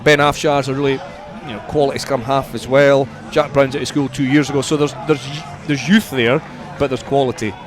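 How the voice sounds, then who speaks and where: This sports pundit speaks as a radio guest in a relaxed, conversational tone, measured in pace and doubling up words to emphasize them. His voice is medium in pitch with fairly even intonation.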